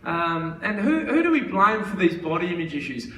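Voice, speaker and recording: A man's voice: high voice, sing-song, moderate pace, pushed and bright. A man with an Australian accent doing a live stand-up set on a theatre stage, ranting profanely. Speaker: stand-up comedian. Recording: echoey theatre, distant mic, crowd noise.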